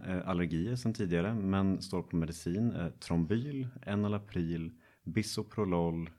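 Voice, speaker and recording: Deep-voiced man hosting a medical podcast. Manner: relaxed, hesitant with many fillers. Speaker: podcast host presenting a medical case. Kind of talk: casual podcast case teaching.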